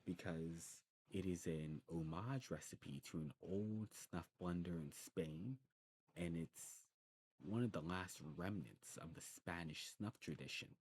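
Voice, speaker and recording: In an ASMR shop roleplay, a man with a low, husky, slightly mellow voice speaks at a slow pace. Playing a friendly, knowledgeable, enthusiastic demon who keeps a snuff shop, he chats informally with recommendations, rambling and correcting himself.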